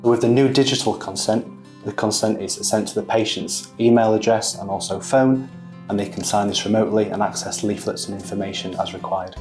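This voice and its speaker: A man, a hospital consultant, explaining a new process in a measured, explanatory way. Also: fairly low pitch, fairly even intonation. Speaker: pain management consultant. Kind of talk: interview explanation. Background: soft guitar music.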